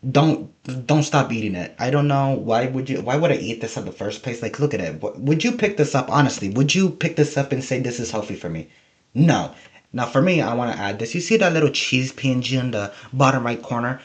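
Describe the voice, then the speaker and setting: A man's voice: mid-range voice, lively intonation, fairly quick. A man giving casual, humorous, rambling video commentary, often interrupting himself, who says a w-like sound for r. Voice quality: trouble pronouncing R, says w-like sound for r. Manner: rambling, jokey, self-interrupting. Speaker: video host.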